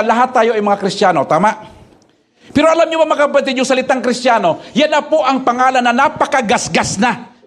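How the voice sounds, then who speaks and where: A male pastor preaching a sermon, firing rhetorical questions at his flock and rising into shouted bursts. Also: very high-pitched.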